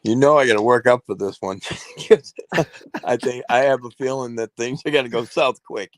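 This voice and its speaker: A man's voice: mid-range voice, moderate pace, no room sound. A man co-hosting a casual chat, wary and doubtful, trailing off into restarts as he plans his next call. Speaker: co-host.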